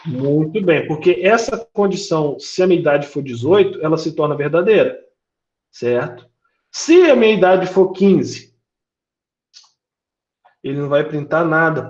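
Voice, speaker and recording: A man's voice: on the high side, a little mellow. Brazilian man teaching code, roomy lo-fi sound. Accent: Brazilian Portuguese. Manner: patient, asks the class questions, many filler tags. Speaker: programming teacher. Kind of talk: live online coding class.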